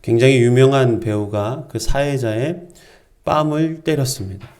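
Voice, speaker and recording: A man's voice: mid-range voice, a little slow, darkish tone. Middle-aged guy pastor preaching, tells it like a story, leans hard on key words. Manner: storytelling, emphatic, varied pace. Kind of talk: sermon.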